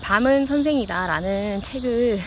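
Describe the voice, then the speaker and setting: A woman talks casually and reflectively while out running, with audible breaths, thinking aloud and pausing to ask herself how to put things. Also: fairly high pitch, expressive. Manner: thinking aloud with self-questions and pauses. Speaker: host of a running-and-chat audio diary. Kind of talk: casual reflective solo chat. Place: outdoors at early dawn. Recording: outdoor noise with insect chirps. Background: outdoor ambience with crickets and insects.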